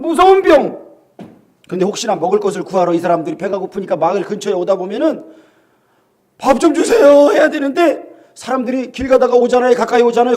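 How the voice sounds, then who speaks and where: A male pastor with a Gyeongsang Korean accent preaching a sermon, telling the story with animated acted quotes and questions to the congregation. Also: sits high.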